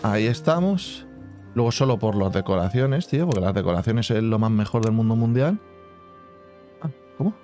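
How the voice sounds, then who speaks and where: A man's voice: fairly low pitch, animated, moderate pace, darkish tone, faint music behind. Chatty man narrating his gameplay. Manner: chatty, thinks aloud, hums and makes sound effects. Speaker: gaming channel host. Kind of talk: casual let's-play commentary.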